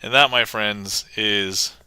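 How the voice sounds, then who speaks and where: A man talks through card tricks in casual livestream patter, laughing easily between lines. His voice is vivid and bright, smooth and clean. The sound is dry and close. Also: lowish voice, fairly even intonation, slow pace, dry recording, rough recording. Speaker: amateur magician livestreamer.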